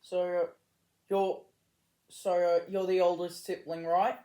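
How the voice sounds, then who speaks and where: A woman's voice: fairly low pitch, flat delivery, slow, warm tone. A woman hosting a talk show interview, asking her questions hesitantly with many ums and uhs. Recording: echoey room.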